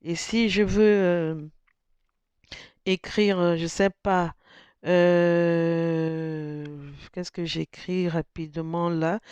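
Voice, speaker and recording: A presenter walks through a phone setup at a slow, unhurried pace, stopping and restarting as they think aloud. The voice is smooth and clear, recorded dry and close. Now and then they sound out single vowels to show the tones. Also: medium pitch, a little mellow, no echo. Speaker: tutorial presenter. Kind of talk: step-by-step phone tutorial.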